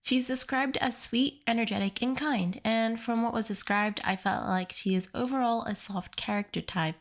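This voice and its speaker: A woman's voice: on the high side, normal speed. A young woman with a sick-sounding voice, narrating her art video in an earnest, upbeat voice-over. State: sick, stuffy voice. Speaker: art YouTuber. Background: soft background music.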